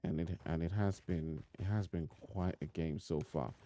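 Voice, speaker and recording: Over loud in-game gunfire and clicks on a live stream, an esports caster delivers play-by-play of a mobile shooter tournament through his home streaming mic. He has a deep voice with fairly even intonation at normal speed, talking to viewers in long, flowing phrases with chatty digressions.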